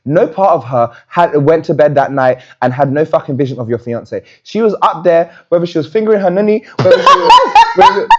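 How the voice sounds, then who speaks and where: Outspoken, profane podcast host. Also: female voice, low-pitched, huge pitch swings, brisk, hardly any pauses, highs cut off. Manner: outspoken, profane, laughs often. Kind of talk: casual podcast chat.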